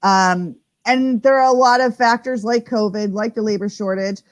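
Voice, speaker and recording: A woman's voice: mid-range voice, moderate pace. A woman hosting a live stream and announcing a contest with lots of energy, hyping it up with slang and laughs. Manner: energetic, hype-building, laughs often; slang-heavy, says "like" a lot. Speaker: host.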